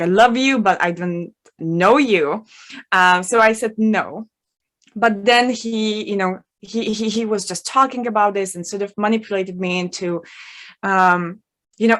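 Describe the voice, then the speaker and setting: A woman from the in her thirties, a guest telling her own story in an interview, frank and animated, with many fillers. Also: medium pitch. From Czech Republic.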